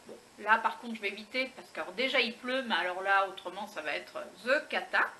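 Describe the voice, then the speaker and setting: A woman's voice: mid-range voice, brisk, bright, forceful tone, slight background noise, poor audio. A woman vlogger chatting casually as she unboxes a beauty box, full of fillers, restarts and little exclamations.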